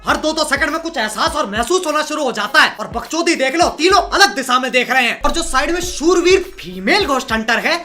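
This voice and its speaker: A man's voice: extremely high pitch, expressive, sharp tone. A young man in his twenties doing crude, mocking roast commentary over video clips. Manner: mocking, crude, rapid-fire jokes. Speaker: comedy YouTuber reacting to clips.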